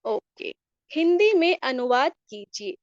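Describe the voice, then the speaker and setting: A woman with a bright, high voice explains exam answers one by one like a patient teacher. She checks in with her listeners often. The recording is close and dry with a slightly dull, muffled tone. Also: lively intonation, slow, no room sound. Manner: explanatory, often adds "theek hai" checks. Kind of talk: exam answer key lesson.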